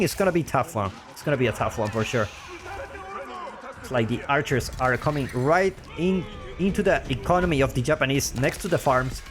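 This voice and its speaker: A male game caster with a Spanish accent calls a strategy match in lively commentary, his pitch swinging up and down as the action shifts. He speaks English as a second language, often says a phrase twice to stress it, and faint game music plays behind him. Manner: animated, often repeats his own phrases.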